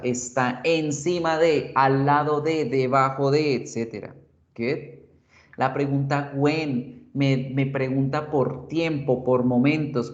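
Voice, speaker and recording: A male teacher explaining grammar slowly and patiently to his class in an online lesson. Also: on the high side. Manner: slow, explanatory, addresses students as chicos. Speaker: English teacher. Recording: echoey, muffled lo-fi recording.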